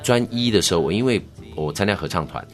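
A middle-aged man with a Taiwanese Mandarin accent, recounting his life story in an interview with earnest, animated emphasis. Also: deep voice, quick pace, faint music behind. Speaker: worship musician, interview guest.

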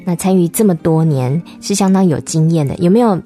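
Mellow woman radio host. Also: on the low side, lively intonation, a little fast. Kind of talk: radio interview hosting. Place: radio studio.

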